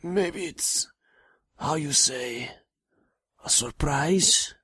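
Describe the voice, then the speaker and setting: An actor playing a confused, childlike elderly pope, speaking halting broken English in an audio drama. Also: male voice, on the high side, pushed and bright, breathy edge, no room sound, clean studio sound, exaggerated voice. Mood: dotty. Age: older.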